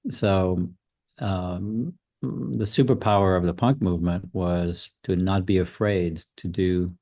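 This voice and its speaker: Man in his fifties, interview guest; slow, musing delivery full of ums and restarts. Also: deep voice, steady tone, mellow. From Switzerland. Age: 50s. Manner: thoughtful, hesitant, many ums and restarts. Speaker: guest designer. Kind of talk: casual interview answers.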